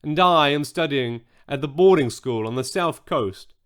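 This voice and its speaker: A man's voice: on the high side, lively intonation, measured pace, clean tone. A man voicing a young girl who puts on a phony Russian accent to pose as a rich heiress in a storybook. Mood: playacting. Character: schoolgirl faking a Russian heiress.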